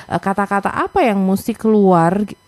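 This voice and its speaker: A woman's voice: mid-range voice, normal speed, a little mellow, no echo. A woman hosting a casual talk show interview, asking polite questions and giving frequent short backchannels.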